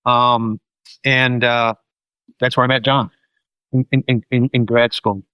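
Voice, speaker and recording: A man's voice: mid-range voice, flat delivery, measured pace, clear, resonant tone, no echo, highs cut off. New man, dry close sound. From New Zealand. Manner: loose, searching delivery with many ums. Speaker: documentary filmmaker and guest. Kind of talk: casual interview conversation.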